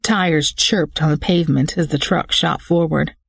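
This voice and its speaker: An audiobook narrator reading a first-person thriller with steady, tense storytelling. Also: mid-range voice, normal speed, creaky, slightly rough, no room sound, clean studio sound.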